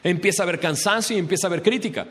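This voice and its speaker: Guy preaching in church, kinda high voice, keeps asking the crowd questions and slows way down on the bible verses. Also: a bit bright. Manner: preaching with rhetorical questions and slow emphatic scripture reading. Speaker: pastor. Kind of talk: sermon.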